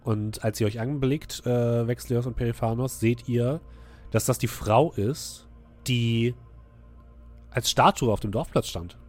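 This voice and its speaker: A man narrating a tabletop fantasy game as game master, telling the story descriptively and haltingly. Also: medium pitch, a little mellow, faint music behind.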